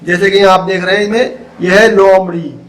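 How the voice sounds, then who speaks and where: A man's voice: high voice, fairly even intonation, fairly quick, low-quality recording. A man teaching a school lesson, patiently explaining, reading out sentences and praising the pupils as he quizzes them. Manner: reads out sentences and quizzes the class.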